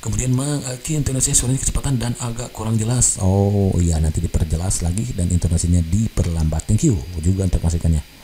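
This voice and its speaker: A man's voice: on the low side, quick pace, warm tone, faint music behind. A man hosting a study channel, casually reading viewer comments aloud with frequent laughs and English phrases mixed in. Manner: chatty, laughs often, mixes in English phrases. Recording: faint background noise.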